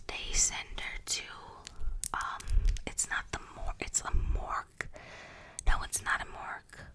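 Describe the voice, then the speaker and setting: A woman whispering close to the microphone, chatting in a rambling way and correcting herself as she goes. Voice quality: soft unvoiced whisper. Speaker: ASMR creator. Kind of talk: whispered ASMR movie recommendations. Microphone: close ASMR microphone.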